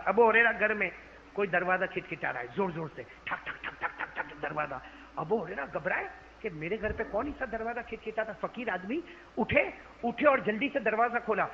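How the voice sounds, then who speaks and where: A man preaching a storytelling sermon to a congregation, dramatic and speaking directly to his listeners, on a dull, slightly noisy recording. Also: sits high. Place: gathering before a congregation. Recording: dull lo-fi recording with faint noise.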